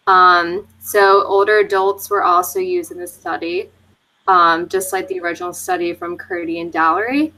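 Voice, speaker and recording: A woman from Charlotte presents to her class in a bright voice. She stumbles and restarts at times. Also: fairly low pitch, fairly even intonation, moderate pace, poor audio. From Charlotte, North Carolina, USA. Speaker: graduate student presenter.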